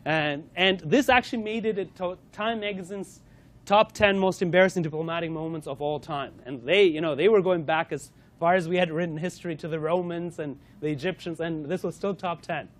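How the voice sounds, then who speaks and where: Presenting a corporate lunch-and-learn to a live audience, a man speaks a little fast in a voice on the high side. He leads a playful quiz and often uses fillers and restarts his sentences.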